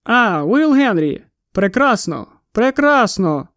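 This is an excitable, nervous small-town constable , read by a male narrator in a storybook reading. The voice sits high and smooth, and it is recorded close with no room sound. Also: slow pace, no echo, heavily acted. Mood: agitated. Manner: excited and exclaiming. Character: agitated middle-aged male town constable. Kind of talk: audiobook character reading.

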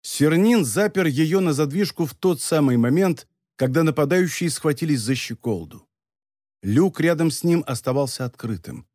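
A man giving a measured, expressive reading of a dramatic novel as an audiobook narrator. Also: a little high, no room sound, clean studio sound.

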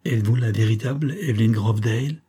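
A composed, unflappable gentleman who asks strange questions plainly, as a narrator reads him. The voice is low and mellow, with a husky grain. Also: fast talker. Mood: calm. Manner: level and matter-of-fact. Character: calm, unflappable man facing the uncanny. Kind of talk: audiobook character reading.

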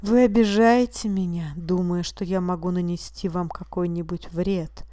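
A woman reading the part of a meek, tearful accused man who pleads slowly and sometimes drops to a whisper. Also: lowish voice, steady tone, no echo, clean studio sound, natural voice. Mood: calm sorrowful. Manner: tearful, pleading and quietly insistent, slipping into a hushed whisper. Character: weepy, meek male mechanic accused of a crime.

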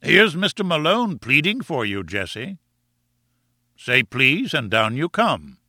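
A man voicing a huge, pompous, mocking husband in an audiobook, booming and rumbling as he blusters. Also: very animated, slow, bright, forceful tone, no room sound, clean studio sound, heavily acted. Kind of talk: audiobook character acting.

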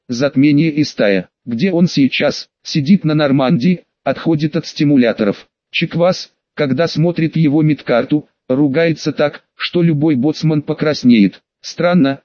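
Brief: male audiobook narrator, fairly high voice, steady read, dull dry recording. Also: dry recording.

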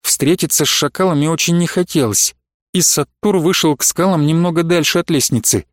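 A man narrating an audiobook in a steady storytelling read. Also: a little high, fairly quick, no echo, studio quality. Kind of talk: scripted narration.

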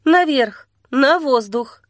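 Panicked headstrong young woman as a woman narrator plays her, pushes high when upset. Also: lively intonation, slow, no echo, clean studio sound. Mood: anxious. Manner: urgent, pleading, rises high when upset. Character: frightened, stubborn young woman desperate to escape.

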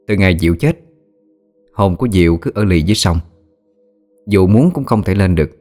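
Deep-voiced man narrating a ghost story. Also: animated, darkish tone. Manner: measured, solemn. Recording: faint music bed. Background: faint music.

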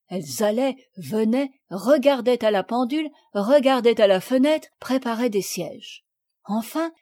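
A woman narrating a classic children's novel in a clear, measured reading. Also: on the high side, dark tone, no room sound, studio quality. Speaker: audiobook narrator. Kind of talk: scripted storybook narration.

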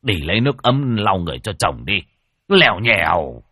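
Male narrator as a blustery old village shaman; barking, commanding, lively. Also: on the low side, moderate pace, breathy edge, no room sound, clean studio sound, heavily acted. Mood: bossy.

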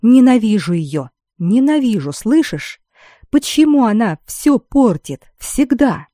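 A proud young noblewoman snaps back with biting sarcasm and open defiance, as a woman reader plays her. Her voice sits warm and a little low, recorded close and dry. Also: expressive, normal speed, no echo, lightly acted. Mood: defiant.

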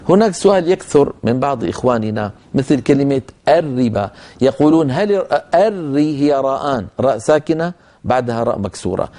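Older male recitation teacher, warm and unhurried, drawing out example words. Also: medium pitch. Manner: explanatory, demonstrates recitation with slow drawn-out examples. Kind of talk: religious lecture.

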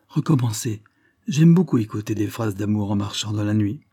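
A man's voice: fairly low pitch, moderate pace, warm tone, breathy edge, dry recording. A man voicing a tender, sentimental young woman in a read novel. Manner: pleading, affectionate.

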